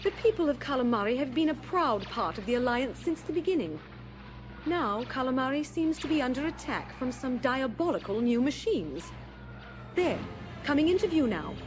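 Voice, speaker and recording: Rebel princess: high voice, earnest and authoritative, science fiction radio play, orchestral music underneath. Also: female voice, big pitch swings, normal speed. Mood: urgent briefing. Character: determined rebel princess and leader, a caring mother. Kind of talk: audio drama acting over orchestral score.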